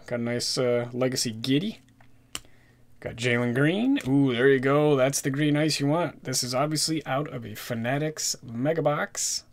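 A man chatting casually while opening trading card packs, rattling off player names and getting excited at good pulls. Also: medium pitch, a little hiss or hum. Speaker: card-collecting YouTuber. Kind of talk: casual pack-opening commentary. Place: indoors at a desk with a card display backdrop.

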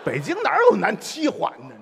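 A man's voice: high-pitched, wildly swooping pitch, a little fast, gravelly, husky, a faint crowd. A man in his thirties with a Beijing accent, playing straight man in stage crosstalk with short interjections and dry retorts. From Beijing, China. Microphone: stand microphone on a stage. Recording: live stage sound with background noise.

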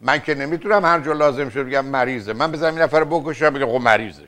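A man's voice: a little high, bright, forceful tone. An older man hosting a call-in advice show as a family therapist, lecturing insistently with rhetorical questions. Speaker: radio and TV family therapist host.

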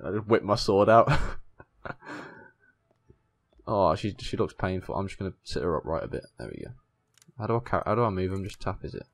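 Low-voiced, animated male gamer. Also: fairly quick, long pauses. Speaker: gaming video host. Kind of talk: casual gameplay commentary with a friend.

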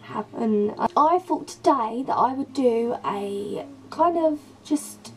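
A young woman with a croaky voice from a sore throat, chatting in a rambling, gushing way as she films a vlog in her bedroom on a camera mic. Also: on the high side, lively intonation, slow pace, a little hiss or hum, rough recording. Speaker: beauty and lifestyle vlogger.

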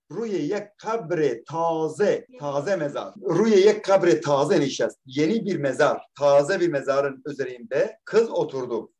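A man's voice: fairly high pitch, darkish tone. A male teacher explaining step by step. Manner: explains patiently, repeats words, asks questions and answers them. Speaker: language teacher. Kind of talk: classroom lesson, reading and translating a text line by line.

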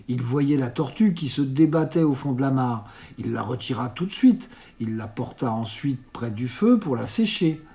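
A man reading a classic children's novel aloud in a steady, even storytelling manner. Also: medium pitch. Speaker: reader.

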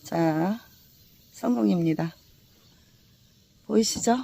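A middle-aged woman, a traditional folk singer and channel host, talking in a solo hiking vlog from outdoors on a mountain peak. She is tired and strained from the climb and cheers loudly at each success. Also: fairly low pitch, slow, vocal fry, breathy edge.

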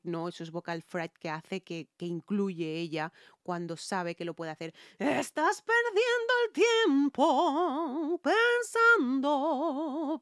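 Emphatic Spanish woman, low dry voice. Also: no room sound. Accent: Spain Spanish. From Spain. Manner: emphatic, chatty, addresses viewers with ¿vale?. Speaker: singer reviewing music. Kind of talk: reaction and vocal analysis.

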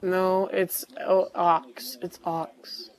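High-voiced young guy co-hosting a chat, slow and mock-annoyed. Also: level tone, poor audio. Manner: playful, protesting, mock-annoyed. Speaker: co-host. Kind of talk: casual chat.

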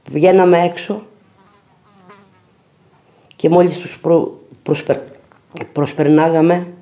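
A mother telling her family's story slowly and plainly in a documentary interview. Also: low-pitched, creaky, warm tone.

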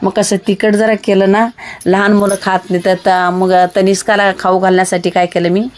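A woman's voice: mid-range voice, little pitch movement, normal speed. A woman, chatting homely and repetitive to her viewers in a casual home vlog. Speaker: vlogger. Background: child crying at times.

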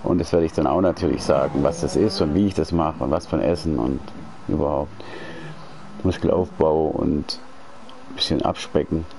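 A gravelly, deep-voiced man in his forties rambles at a normal speed over car engine noise from the racing game he's streaming at home. The sim racing streamer chats casually and relaxedly while gaming, talkative, full of slang and restarted sentences.

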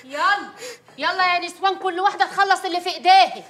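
An actress playing a brash working village woman with an Egyptian Arabic accent, loud and full of rhyming exclamations. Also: very high voice, quick pace. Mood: bossy.

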